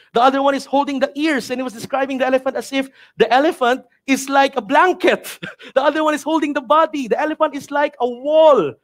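Using a very high voice, this Filipino man in his thirties from the Philippines, a native Tagalog speaker with a Filipino accent, gives a motivational training talk. His style is emphatic, repetitive and preacher-like, full of rhetorical questions. He's recorded on a headset mic in an indoor studio with a virtual backdrop.

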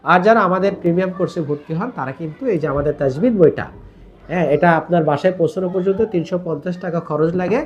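Guy from bangladesh teaching quran reading, kinda high voice, stretches out the vowels when he shows how to say stuff, slightly dull audio. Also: rapid-fire, a little hiss or hum. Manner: explains patiently, demonstrates Arabic pronunciation by drawing out vowels; mixes English words into explanation. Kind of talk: tajweed lesson explanation.

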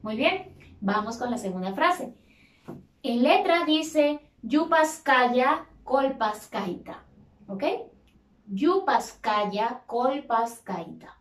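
Slow, patient woman choir teacher. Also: on the high side, lively intonation, roomy sound. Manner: slow, patient explaining with sung demonstrations. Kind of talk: sung vocal lesson for children.

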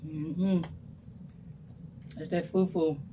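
A man vlogging while eating, chewing food as he talks slowly and casually to his viewers between contented murmurs. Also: fairly high pitch, slight background noise. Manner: slow, relaxed, drawn-out with contented murmurs. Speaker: mukbang vlogger.

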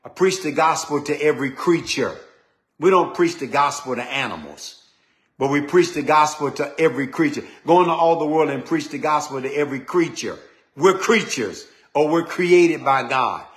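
An older man preaches in a teaching style. His voice sits a little high for a man, and he stumbles and restarts on words before stressing the important ones. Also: lively intonation, normal speed, fairly bright tone. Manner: repeats words and restarts often, stresses key words. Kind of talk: teaching sermon.

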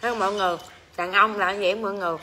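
A woman's voice: medium pitch, steady tone, racing, bright, forceful tone, slight background noise. A woman with a Southern Vietnamese accent, hosting a casual livestream and ranting to her viewers in a crude, exclamatory, rambling way. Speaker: livestream seller and host.

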